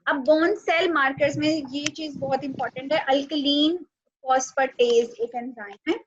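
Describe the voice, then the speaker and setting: A woman teaching a nutrition class online, explaining patiently step by step with small pauses. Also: high-pitched, steady tone. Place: home video call. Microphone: laptop or phone mic on a video call. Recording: dull, lo-fi video call audio with faint noise.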